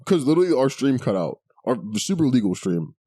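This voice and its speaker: A man's voice: medium pitch, very animated, brisk, mellow, no room sound, studio quality. A man co-hosting a podcast, chatting casually with profanity, sarcasm and frequent laughter. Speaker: podcast co-host. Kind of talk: casual chat.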